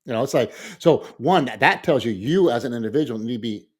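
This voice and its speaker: The podcast's middle-aged co-host has a husky, mid-range voice and a fast delivery. He tells animated stories in a relaxed chat, voicing the quoted dialogue.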